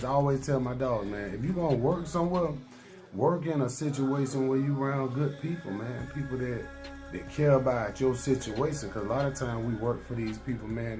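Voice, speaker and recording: A man vlogging in a casual motivational monologue, emphatic, laughing between points and filling his talk with "man" and "you know what I'm saying.". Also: mid-range voice. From United States. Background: music.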